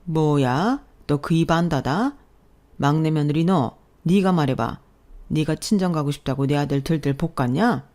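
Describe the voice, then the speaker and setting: A woman plays a domineering older mother-in-law in a radio drama, all harsh commands and scolding. She snaps at her son and daughters-in-law with sharp, bossy authority. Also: deep voice, moderate pace, natural voice.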